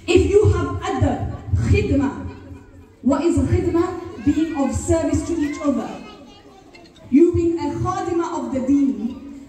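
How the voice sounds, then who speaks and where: A woman's voice: high voice, mellow, recorded from a distance. A woman from Bradford, an Islamic teacher giving an earnest religious talk to a gathering and keeping the audience engaged with questions. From Bradford, England. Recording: echoey hall, voice from afar.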